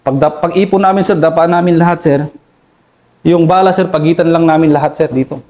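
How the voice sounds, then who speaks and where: A Filipino army officer with a Filipino accent, recounting combat in an interview, deferential and halting, adding "sir" to nearly every phrase. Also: male voice, on the high side, steady tone, mellow, low-quality recording. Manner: deferential, says "sir" constantly, halting with many fillers. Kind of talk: interview storytelling.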